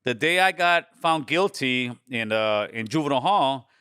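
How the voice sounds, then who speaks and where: A man in his forties, born in Honduras, telling his life story as a podcast guest in a laid-back street manner that turns animated when he quotes people. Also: medium pitch, normal speed, smooth, no room sound, clean studio sound. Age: 40s. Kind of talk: casual storytelling interview.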